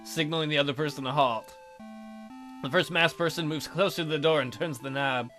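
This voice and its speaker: In this let's play, a man with a slightly high voice and a fairly quick pace reads a visual novel aloud. His delivery is animated and jokey, full of goofy asides, and background music plays beneath him.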